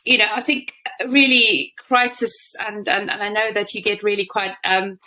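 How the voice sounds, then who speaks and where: A woman hosts a podcast and leads the talk with questions. She praises her guest effusively, speaks at a middle pitch, and fills pauses with "um" and "you know". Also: fairly even intonation, low-quality recording. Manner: effusive, warm praise with fillers. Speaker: podcast host.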